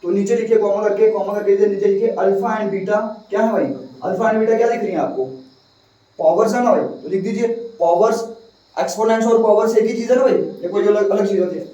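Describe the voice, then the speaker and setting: A man's voice: high voice, warm tone. A male teacher with an Indian accent lecturing a class, dictating notes with repeated phrases and questions to students. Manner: dictating slowly, word by word, repeating phrases for note-taking. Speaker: chemistry teacher. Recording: echoey room, distant muffled microphone.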